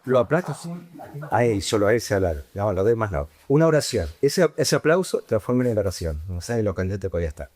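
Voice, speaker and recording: A man's voice: fairly low pitch, very animated, a little fast, darkish tone. A man, a priest giving an informal retreat talk in a conversational way that often ends on a questioning tag. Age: 50s.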